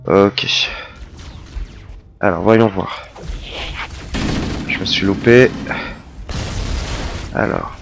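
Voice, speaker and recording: Low-voiced chatty French gamer man. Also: background noise. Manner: chatty, self-mocking, excitable. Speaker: let's play gamer. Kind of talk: casual gameplay commentary.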